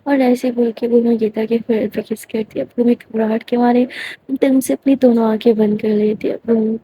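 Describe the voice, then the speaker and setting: A woman narrating a romance story in a calm, steady storytelling manner. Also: on the high side, breathy edge, dry recording, poor audio.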